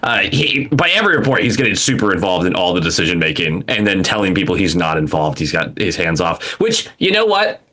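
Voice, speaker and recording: A man co-hosting a sports podcast in casual chat, animated and quick to laugh, often restarting his sentences. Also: low voice. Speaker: podcast co-host.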